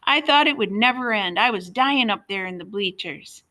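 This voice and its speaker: A man's voice: sits high, animated, moderate pace, sharp tone. A woman voicing a teenage troublemaker who likes to stir the pot, taunting the other boys, in a read-aloud story. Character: teen troublemaker with a wicked grin.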